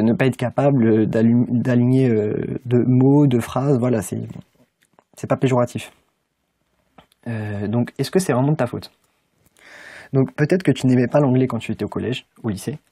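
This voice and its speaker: A man's voice: mid-range voice, mellow, breathy edge, no room sound. A young man from France giving a casual motivational talk to camera about learning English, informal and full of hesitations. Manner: informal, many "euh" fillers, speaks directly to viewer.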